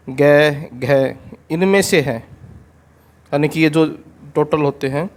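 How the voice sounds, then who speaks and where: A man teaching an English grammar exercise, patiently repeating each rule in simple steps and reading the example sentences slowly and clearly. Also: on the high side.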